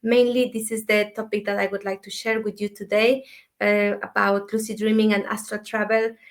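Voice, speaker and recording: Soft-spoken woman from Ecuador, flat tone. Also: mid-range voice, normal speed. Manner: soft-spoken, thoughtful, many fillers. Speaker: dream mentor, guest. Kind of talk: casual interview talk.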